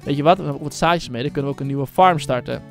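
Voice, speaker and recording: A man's voice: a little high, racing, gravelly, soft background music. A man hosting his own gaming channel, giving casual, rambling commentary full of fillers and slang.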